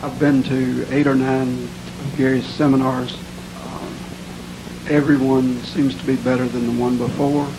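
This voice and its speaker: Atlanta guy, flat steady voice, sincere testimonial, humming hissy recording. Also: mid-range voice, unhurried. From Atlanta, Georgia. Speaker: seminar attendee giving a testimonial.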